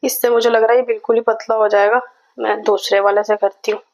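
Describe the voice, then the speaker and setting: A woman vlogger chatting to camera while cooking in her home kitchen, talking slowly and softly and mixing English words into her talk. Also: a little high, little pitch movement, muffled recording. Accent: Jammu. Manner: chatty, devotional asides, mixes English words into Hindi; tries to speak slowly and softly.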